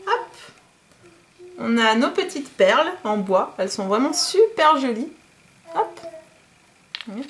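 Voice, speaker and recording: A woman's voice: on the high side, big pitch swings, slow pace, long pauses, a bit bright, slight background noise. A woman in her thirties from France, chatting casually in a DIY unboxing vlog, hesitant with many fillers. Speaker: DIY vlogger.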